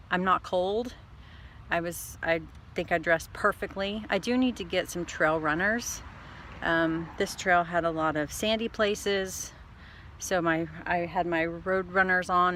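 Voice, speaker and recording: A woman's voice: low-pitched, fairly bright tone, a little hiss or hum. A woman chatting casually in a rambling, upbeat, self-deprecating way, like a trail running vlogger talking to her followers. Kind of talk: casual vlog chat to camera.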